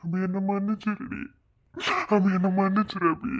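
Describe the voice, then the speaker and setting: A man's voice: sits high, a little slow, breathy edge, dull audio. A man voicing a grieving male doctor who pleads tearfully for forgiveness. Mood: pleading.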